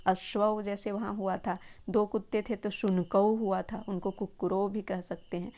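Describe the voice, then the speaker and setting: A woman teaches a children's Sanskrit lesson in a patient, encouraging way. She slows down and repeats words to show their exact pronunciation, in a voice of ordinary middle pitch. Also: level tone, warm tone. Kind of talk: explaining a textbook lesson to children.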